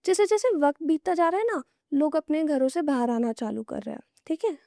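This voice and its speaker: A woman's voice: high-pitched, fairly quick, vocal fry, dark tone, no room sound, clean studio sound. A young woman telling horror stories casually on a podcast, pulling the listener in with what-if scenarios. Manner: casual, draws the listener into hypotheticals. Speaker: horror storyteller guest. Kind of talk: conversational horror storytelling on a podcast.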